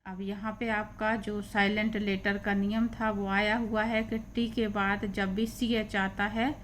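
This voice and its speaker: Slow, patient woman teaching. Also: medium pitch, level tone, a little hiss or hum. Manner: slow, patient, spells out and repeats words. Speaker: English teacher. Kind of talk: reading lesson.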